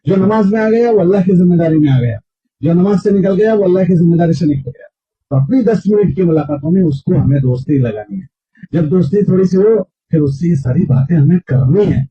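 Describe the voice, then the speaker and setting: A man's voice: on the high side, husky. A man preaching to students, often asking the crowd questions and acting out imagined talk. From India. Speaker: Islamic preacher. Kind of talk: sermon to students. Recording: muffled lo-fi recording.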